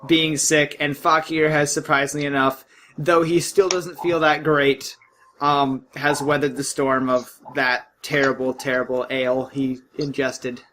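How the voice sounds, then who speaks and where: Man running a tabletop game, slightly high voice, stumbling restarts, noisy home mic. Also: level tone, pushed and bright. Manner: halting, many restarts. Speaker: game master.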